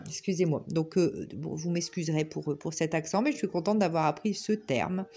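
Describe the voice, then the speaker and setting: A woman's voice: deep voice, moderate pace, warm tone, husky. Nasal woman with a head cold. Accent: northern French (Ch'ti). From northern France. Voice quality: nasal, slightly hollow. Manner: hesitant, rambling with many fillers. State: head cold, stuffy and nasal, sore throat. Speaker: crafting vlogger. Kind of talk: casual chat to viewers.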